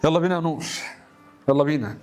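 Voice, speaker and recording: A man plays a young Egyptian husband caught out, rattling off blunt, curt lines at high speed. His voice sits a little high, with music behind the scene. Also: darkish tone, natural voice. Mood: defensive, curt. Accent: Egyptian Arabic. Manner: rapid, curt and defensive. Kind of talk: comedy sketch acting.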